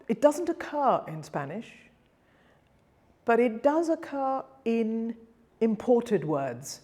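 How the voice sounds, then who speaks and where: A woman teaching singing diction, demonstrating each sound slowly and repeating the example words. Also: on the low side, a little mellow. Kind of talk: pronunciation lesson.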